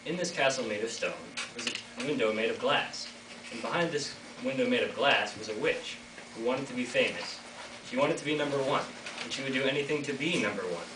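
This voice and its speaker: Brisk and medium-pitched, the teenage boy rattles through his fairy-tale narration at a school reader's theater, joking playfully with listeners. Distant miking in an echoey classroom or hall leaves the audio noisy.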